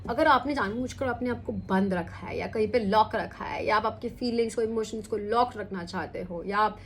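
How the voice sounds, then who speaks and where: A woman's voice: medium pitch, normal speed, slight background noise. A young adult woman doing a casual weekly tarot reading, chatty, mixing English into her talk and checking in with the listener often. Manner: chatty, mixes English into Hindi, repeats "ठीक है?". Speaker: tarot reader.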